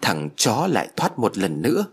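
A man's voice: lowish voice, sing-song, moderate pace, breathy edge. A man voicing a vengeful old ghost woman. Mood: spiteful. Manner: menacing, gloating. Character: vengeful old female ghost, a scheming mother.

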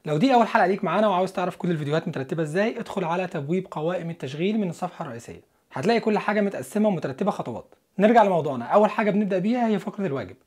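A man with an Egyptian Arabic accent teaching an English listening lesson, explaining step by step and slowing down for the English example sentences. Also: high voice, lively intonation, darkish tone. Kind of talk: scripted lesson narration.

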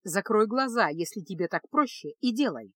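A woman puts on a gloomy male mage in a storybook reading. He talks low and measured, like a teacher who has explained this too often. The sound is dry and close. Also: animated, dry recording, close to an everyday voice. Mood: calm lecturing.

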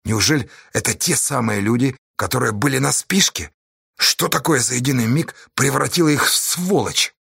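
A man reading a novel aloud as an expressive audiobook narrator. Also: mid-range voice, moderate pace, vocal fry, breathy edge, dry recording, clean studio sound. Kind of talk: scripted narration.

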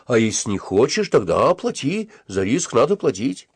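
A man reading an audiobook and voicing a smug, calculating schoolboy who drawls quietly and self-importantly. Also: mid-range voice, sing-song, normal speed, husky, dry recording, voice pushed up. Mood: lecturing. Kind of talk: audiobook character voice.

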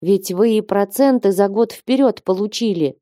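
A woman's voice: medium pitch, normal speed, warm tone, no echo, clean studio sound, pitched above the performer's own voice, natural voice. A woman reading aloud as an anxious male trader in debt, pleading in a trembling voice.

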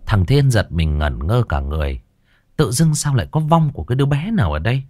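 A man's voice: mid-range voice, sing-song, fairly quick, mellow, no room sound. A man narrating a ghost story in a crude, colloquial way.

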